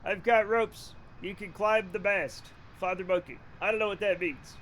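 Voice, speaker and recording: Rhode island guy streaming games, high voice, rambly and jokey, swears a lot. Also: a bit bright, slight background noise. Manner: rambling, joking, cursing freely, quick to laugh. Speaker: livestreamer. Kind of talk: casual live-stream chat while gaming.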